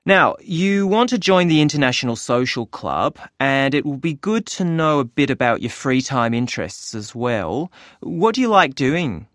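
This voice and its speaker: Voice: mid-range voice, normal speed, few pauses, no room sound. Helpful receptionist taking details, easygoing and chatty, dry studio read. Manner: relaxed, chatty, with fillers and small laughs. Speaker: club receptionist. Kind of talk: scripted exam listening dialogue. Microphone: close studio mic.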